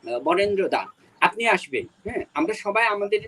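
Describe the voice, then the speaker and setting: A man from Bangladesh whose first language is Garo speaks as a panelist at a literature webinar. He makes his case earnestly over a video call and often pauses with hesitant fillers. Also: sits high, big pitch swings, a bit bright, breathy edge, rough recording. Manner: urging, with frequent hesitant fillers.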